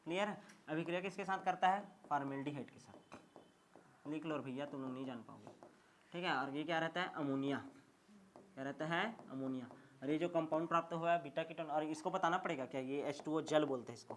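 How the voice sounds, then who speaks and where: A man's voice: sits high, fairly bright tone. A man teaching a chemistry lecture, drilling his class by asking each question twice and often checking they follow. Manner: call-and-response drilling, repeats questions and answers; emphatic, checks understanding often.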